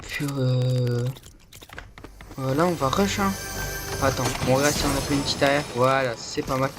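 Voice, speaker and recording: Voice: mid-range voice, fairly even intonation, moderate pace, loud music behind the voice. A young adult with a lisp with slushy s sounds, giving casual, slangy, hesitant gameplay commentary to viewers. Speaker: gaming video creator. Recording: noisy home gaming recording.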